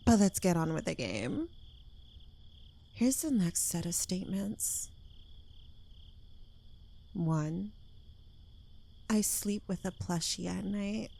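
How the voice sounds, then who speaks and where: In an intimate ASMR roleplay, a woman plays a smug, clingy young witch who drawls slowly in a soft, mellow, mid-range voice with a creaky edge. Her delivery is teasing, possessive and a little unhinged, with lively, exaggerated intonation and a playful mood.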